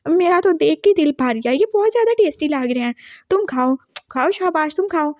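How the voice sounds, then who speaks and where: A squeamish young man, flustered and dodging, talks his way out of trouble, played by a woman storyteller. The voice sits high and the recording is dry and close. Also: expressive, brisk, darkish tone, dry recording. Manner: nervous, dodging.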